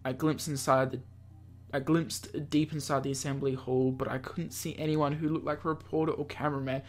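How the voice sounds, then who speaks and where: Music plays behind a man hosting a let's play who reads a visual novel aloud, stumbling over words and adding off-the-cuff asides. His mid-range voice stays level and brisk.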